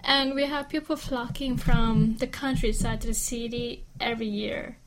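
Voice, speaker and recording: A woman from Vietnam with a Vietnamese accent, speaking in a casual discussion in English in a measured way. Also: a little high, steady tone, noisy background. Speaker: discussion participant.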